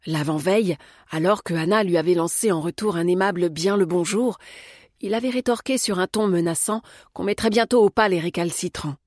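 A woman reading an audiobook as narrator, in a calm, measured way. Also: lowish voice, no room sound, studio quality. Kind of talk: scripted narration.

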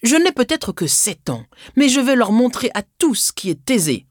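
A woman voicing an eager, brave seven-year-old boy prince in a storybook, talking high and excited. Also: normal speed, dry recording, clean studio sound. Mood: determined.

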